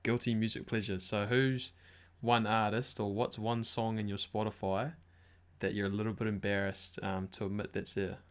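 A man's voice: fairly low pitch, flat delivery, moderate pace, smooth. A young man with a broad New Zealand accent hosting a casual interview in a matey, slangy way. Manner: matey, slangy, peppered with bro. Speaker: interview host. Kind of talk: casual chat.

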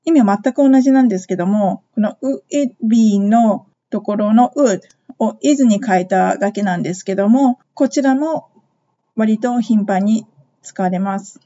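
A woman teaching English phrases in a podcast lesson, explaining them slowly and modeling each one for listeners to repeat. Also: medium pitch, dark tone, muffled recording.

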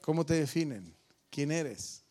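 Here a middle-aged Mexican-accented pastor delivers his sermon in a higher, mellow voice with lively intonation and a measured pace. Over faint music, he throws questions at the congregation and jokes with listeners by name.

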